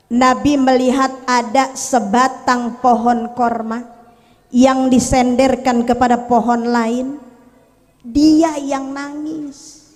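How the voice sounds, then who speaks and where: High-voiced woman preaching. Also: a little mellow. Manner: playful, jokes and banters with the audience. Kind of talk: storytelling sermon. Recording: long reverb of a hall.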